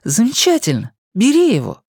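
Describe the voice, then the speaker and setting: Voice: mid-range voice, huge pitch swings, normal speed, husky, no echo, voice pushed up, full character voice. A kind, patient young woman, as a narrator plays her, coaxing a frightened child step by step. The voice is close and dry. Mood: soothing. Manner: gentle, coaxing.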